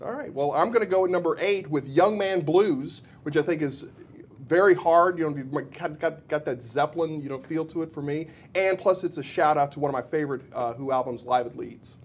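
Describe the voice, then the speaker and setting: A man co-hosting a casual music chat, animated and jokey, with plenty of fillers and restarts. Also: a little high, fairly quick. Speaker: co-host, web producer.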